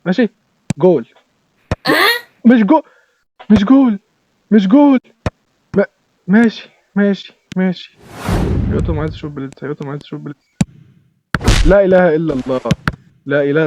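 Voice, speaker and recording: A young man with an Egyptian Arabic accent giving excitable live commentary while playing a football game, shouting at the players. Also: on the high side, rapid-fire, long pauses, muffled recording. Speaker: gaming YouTuber. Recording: clear background noise.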